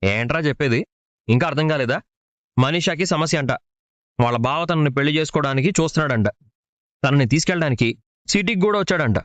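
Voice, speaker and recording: A man's voice: a little high, expressive, fairly quick, pauses often, a bit bright, dry recording. Long-winded, showy young guy. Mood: grandiose. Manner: long-winded, grandiose, teasing. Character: talkative, theatrical young man, a driver. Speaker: actor in a TV serial. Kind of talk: TV serial acting.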